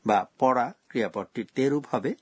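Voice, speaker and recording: A man presents a scripted language lesson, walking through grammar rules slowly and with care. His voice is husky, and the recording is dry and close with no room sound. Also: mid-range voice, no room sound. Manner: slow, careful explaining of grammar rules.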